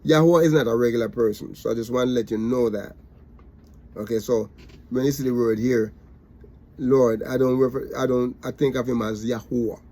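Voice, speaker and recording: A man's voice: medium pitch, steady tone, brisk, mellow. A man teaching a Bible study, repetitive and emphatic, with many fillers.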